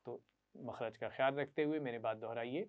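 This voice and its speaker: Patient male Quran-reading teacher. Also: mid-range voice. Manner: patient, repeats syllables slowly for pupils to echo; frequent praise. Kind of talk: classroom lesson to children. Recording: tinny phone-like sound.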